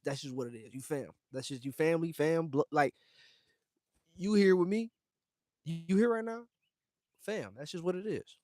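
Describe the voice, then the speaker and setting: A young man from the United States rants casually to his viewers, heavy on slang and constantly calling them fam and bro. His voice sits a little high for a man, and he talks emphatically with loud bursts. The sound is close and dry, with no room around it. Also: no room sound. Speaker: streamer talking to viewers. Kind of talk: casual livestream rant.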